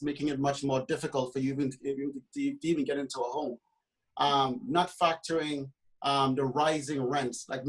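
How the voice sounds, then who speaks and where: A man with a fairly high-pitched voice speaks with passion during a panel discussion; he works as a realtor in Trinidad and Tobago. His speech is broken up by many fillers and false starts. The recording is rough.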